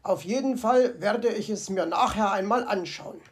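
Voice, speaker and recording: A woman's voice: medium pitch, moderate pace, close to an everyday voice. A woman voicing a cheerful, fussy male fox from a children's storybook who chatters to himself with comic grumbling. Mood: delighted. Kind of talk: storybook character voice.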